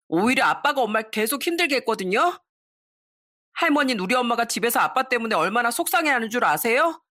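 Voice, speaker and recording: A woman's voice: fairly high pitch, pushed and bright, pitched above the performer's own voice, full character voice. A woman voicing a defiant eleven-year-old boy who speaks up in a pointed, reproachful way.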